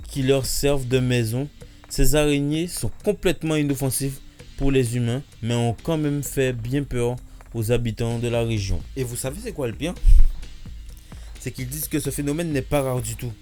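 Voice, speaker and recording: A young man talking casually over clips in a YouTube reaction video, cracking jokes and tossing in sarcastic asides. His voice sits at an ordinary middle pitch. Soft music plays faintly behind him. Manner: joking, sarcastic asides, many filler "hein".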